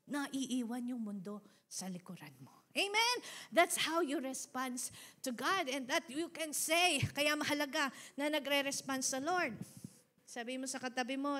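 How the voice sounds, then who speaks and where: Woman pastor, middle-aged, high bright voice, lively sermon delivery with loud and soft turns. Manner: animated, laughs often, swings between loud exhortation and soft asides. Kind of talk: Taglish sermon with congregation prompts.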